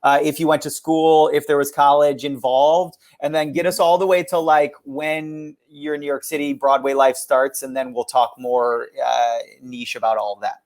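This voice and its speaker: A man hosting a live-streamed interview series over a video call, talking quickly and upbeat with many fillers. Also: fairly high pitch, flat delivery, darkish tone. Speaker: host of a virtual theater tour series.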